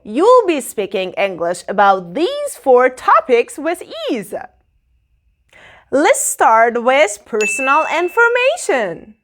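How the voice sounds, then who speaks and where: Woman teaching english, slow careful sing-song delivery, very lively pitch. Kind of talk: slow instructional explanation.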